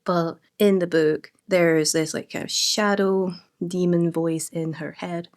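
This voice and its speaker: This book vlogger, a young adult woman, speaks in a lowish voice at a slow pace with fairly even intonation. Her casual book review is chatty and enthusiastic, peppered with fillers as she talks about what she's read.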